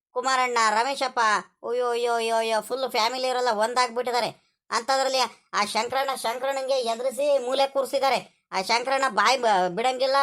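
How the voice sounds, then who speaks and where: A woman's voice: high-pitched, a bit bright. A woman doing a whiny hungry village farmhand. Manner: whiny, complaining, drawn-out pleading. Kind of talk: animated cartoon voice acting.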